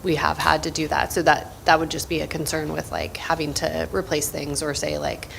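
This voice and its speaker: A woman on a school board asking a question about upkeep, halting and hesitant. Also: low-pitched, creaky, a little hiss or hum. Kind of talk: asking questions at a public meeting.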